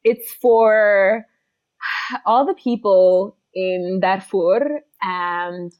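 Woman from Sudan, podcast co-host, unhurried, casual, swears, muffled recording. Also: medium pitch. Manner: casual, swears, hesitant fillers.

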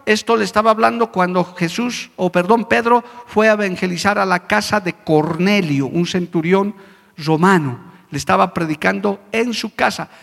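Gravelly high-pitched preaching man. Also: moderate pace, a bit bright, long reverb tail. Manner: preaching earnestly, addressing listeners as brother. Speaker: pastor. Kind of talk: sermon.

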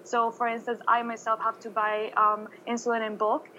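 A woman's voice: a little high, completely flat delivery, normal speed, pushed and bright, highs cut off, slight background noise. A woman, earnestly answering interview questions. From Venezuela. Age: 20s. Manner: earnest, unscripted account.

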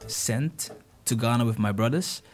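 A young man from the Netherlands, a guest talking casually in an interview, relaxed and hesitant with frequent restarts. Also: mid-range voice, measured pace.

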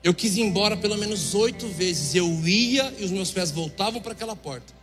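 A man with a Brazilian Portuguese accent preaching, telling a lively story and acting out the dialogue. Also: high-pitched, fairly quick. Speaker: preacher giving testimony. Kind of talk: storytelling sermon. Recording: echoey hall with faint music.

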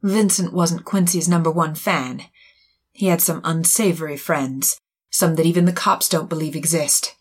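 A lowish, husky voice, a woman playing a glamorous femme fatale in a noir radio play. She talks in a cool, measured way. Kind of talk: noir radio drama acting.

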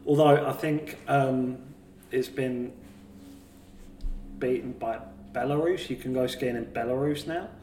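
A man co-hosting a casual comedy podcast, trading dry, deadpan jokes. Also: medium pitch, a little slow, pauses often, recorded from a distance, slight background noise. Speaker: podcast co-host. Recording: echoey and set back from the mic.

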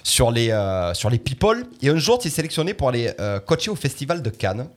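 A man's voice: medium pitch, sing-song, brisk. A man hosting a casual chat, prompting his guest with short interjections. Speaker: host.

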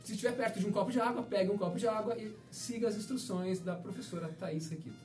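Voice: mid-range voice, quick pace, darkish tone, far from the mic. A playful host keeps a casual chat moving with jokes and prompts. The voice sounds roomy and set back from the mic, with faint music underneath. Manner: playful, joking, leads the conversation.

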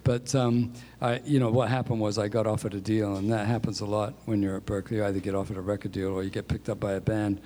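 He's a man in his sixties, English by birth and raised in New Zealand, now a music industry executive chatting about his career in a conversational interview with plenty of self-deprecation. His low, dark voice barely moves in pitch, and he talks fast with few pauses. The recording carries a big-room sound and a touch of hiss or hum.

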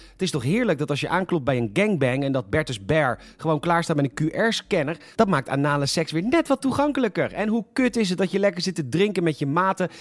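A man hosting a scripted satirical news show, delivering sarcastic, mock-indignant commentary that sometimes bursts into shouting. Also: on the high side, no echo.

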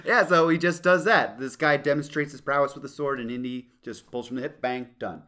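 Male podcast co-host, mid-pitched, easygoing and quick to joke. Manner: relaxed, joking, laughs often. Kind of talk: casual legal podcast chat.

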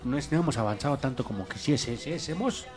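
A man's voice: medium pitch, expressive, fast, a little mellow, soft background music. A man with a Mexican accent co-hosting a podcast in casual chat, joking and slangy. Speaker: podcast co-host.

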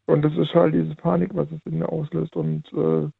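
A man calling in to a radio show over the phone, speaking haltingly and repeating himself. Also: a little high, flat delivery, gravelly, husky, dry recording. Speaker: caller. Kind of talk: call-in chat. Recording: tinny phone line.

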